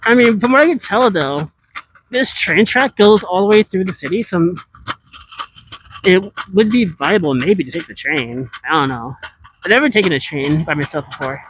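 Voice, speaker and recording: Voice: medium pitch, animated, moderate pace, noisy background. Rambling streamer on a city walk. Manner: rambling, chatty, replies to viewer chat; talks while walking and scootering. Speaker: IRL streamer. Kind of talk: casual live-stream chat while exploring. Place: outdoors in a large city.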